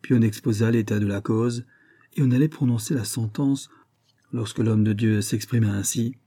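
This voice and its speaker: A man reading a saint's legend aloud as an audiobook, in a measured, deliberate way. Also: fairly low pitch, dark tone, breathy edge. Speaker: audiobook reader. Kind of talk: storybook narration of a saint's legend.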